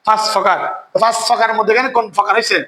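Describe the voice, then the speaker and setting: A male recitation teacher with a high, bright voice, quizzing his class question after question. He keeps checking whether the students have understood. The sound is roomy and echoing. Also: steady tone. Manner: chants verses slowly when demonstrating recitation. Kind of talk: classroom tajweed lesson.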